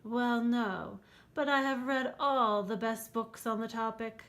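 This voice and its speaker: A woman voicing a mild, bookish male monster from a storybook, breathy and politely earnest. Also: fairly even intonation, slow, a bit bright. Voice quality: low, breathy.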